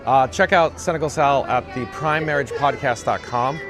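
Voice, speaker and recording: Amid crowd noise and music, a man with a raspy, mid-range voice chats casually on a livestream from a parade route, holding the camera rig himself. At a moderate pace, he reads chat messages out loud in a dry monotone, poking fun at himself.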